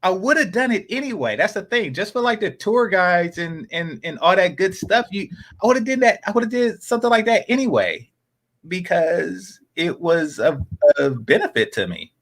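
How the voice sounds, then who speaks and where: In a relaxed podcast conversation, a man rambles at normal speed, very animated, with plenty of fillers and restarts. He keeps dropping into low, quiet asides.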